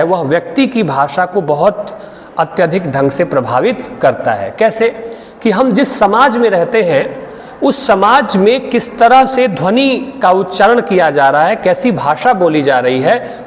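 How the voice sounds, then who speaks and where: In an online exam-prep lecture, a lively, high-pitched male Hindi literature teacher from Bihar, India, explains at a measured pace. The sound is that of a big room, and he checks in often with tag questions.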